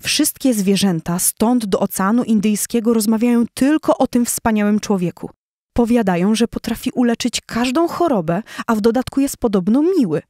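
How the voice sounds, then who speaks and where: Brief: fierce lioness mother, scolding and roaring, high and loud, read by a woman. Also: moderate pace, no echo, clean studio sound, close to an everyday voice. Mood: furious.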